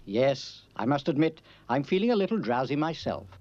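An actor playing a kindly, polite older priest with a genteel manner in a television puppet drama. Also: male voice, medium pitch, sing-song, moderate pace, darkish tone, lightly acted. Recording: dull lo-fi soundtrack, faint music.

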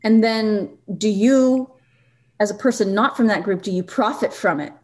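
A woman in a casual panel discussion, thoughtful and measured, laying out her reasoning point by point. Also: medium pitch, a little mellow.

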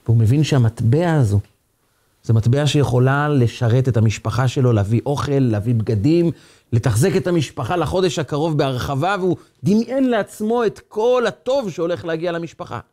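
A man, a rabbi, giving a sermon as a dramatic, expressive story. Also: a little high.

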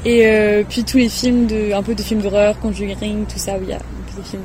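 A woman's voice: mid-range voice, little pitch movement, brisk, a little mellow, poor audio. A woman chatting casually as a street interviewee outdoors. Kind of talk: casual chat. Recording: outdoor street noise, traffic.

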